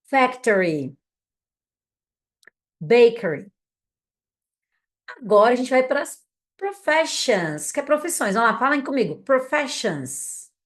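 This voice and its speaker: A native Portuguese-speaking woman teaching English vocabulary, drilling each word slowly for learners to repeat and checking in with them often. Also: a little high, sing-song. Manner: slow, patient drilling of words for learners to repeat; casual and encouraging, with frequent check-ins.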